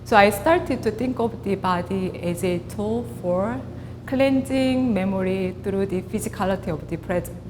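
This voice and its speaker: Korean-accented woman in a reverberant hall. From South Korea. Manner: measured, with pauses and fillers. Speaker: artist. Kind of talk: prepared artist talk. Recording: reverberant hall with clear rumble.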